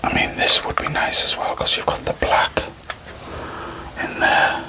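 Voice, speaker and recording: A man performs a whispered role-play in the manner of an ASMR creator. His voice is a breathy whisper with no full voicing. He takes his time, phrasing gently and deliberately with unhurried pauses. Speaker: ASMR creator addressing viewers.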